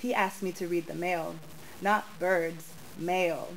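A young woman from the United States reading her poems at a bookstore into a stand mic, soft and measured, with hesitant spoken asides. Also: on the low side, fairly even intonation, vocal fry, slight background noise, rough recording. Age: young adult. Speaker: poet. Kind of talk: poetry reading with spoken remarks. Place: small bookstore, indoors. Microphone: stand mic in front of her.

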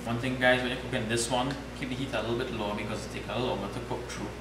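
A man in his thirties with a Trinidadian accent, calmly explaining a recipe step by step in his home kitchen. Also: medium pitch, rapid-fire, background noise. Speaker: home cook. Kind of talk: cooking demonstration. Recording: echoey kitchen with loud sizzling. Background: frying sizzle.

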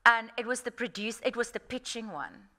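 Animated South African woman telling stories. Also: fairly high pitch, moderate pace. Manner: animated storytelling, frank and informal. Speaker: guest speaker. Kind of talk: festival workshop talk.

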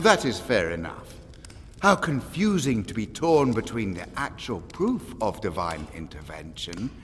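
An actor playing a smug old pagan island lord in an audio drama, pompous, taunting and silkily eloquent. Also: male voice, lowish voice, big-room sound, slight background noise. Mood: mocking, silky. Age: older.

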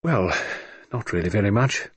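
A man's voice: lowish voice, lively intonation, moderate pace, husky, no room sound. A man reading an audiobook, voicing a tactful young female companion who speaks politely and hesitantly.

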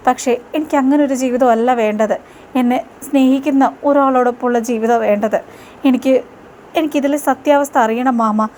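A woman voicing sad young wife from a tv serial, pleading, kinda high voice. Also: fairly even intonation, normal speed, a little mellow, slight background noise, natural voice. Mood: tearful pleading. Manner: earnest, plain retelling of her words.

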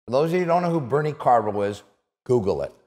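Speaking fast at a medium pitch, this Toronto-born interview host in his fifties, once an athlete, spins casual conversational stories with lots of emphasis and punchy repeated words. The recording comes from a small indoor studio set resembling an office, where a long reverb makes everything echo.

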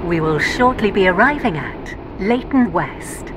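A woman giving scripted train station announcements to passengers in a measured, formal, segmented way. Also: expressive. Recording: loud train noise over announcement. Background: rumbling train ride ambience.

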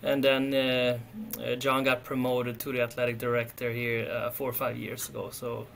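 A man in his thirties from Sweden, speaking English with a Swedish accent as a soccer coach, relaxed and often repeating words while he thinks, on a video call from an office. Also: medium pitch, moderate pace, gravelly, a little hiss or hum. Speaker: head soccer coach, guest. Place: office with window. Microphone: webcam on video call.

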